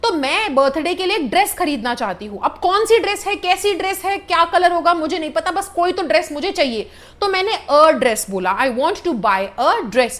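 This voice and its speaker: A woman's voice: very high voice, expressive, a bit bright. A woman teaching English grammar in a patient classroom style, with an Indian English accent, repeating points and checking that students follow. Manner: reads English example sentences slowly and deliberately.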